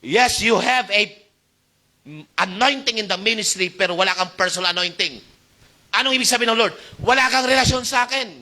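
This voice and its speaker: A youth pastor with a high, bright voice preaches a Taglish sermon at a church youth service, going a little fast. He exhorts the crowd, calls for amens, and swings between loud and soft.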